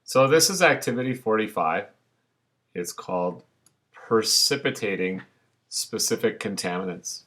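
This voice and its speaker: A man's voice: on the low side, expressive, measured pace, a bit bright. A male science teacher giving a recorded online lesson over slides, explaining patiently with frequent fillers.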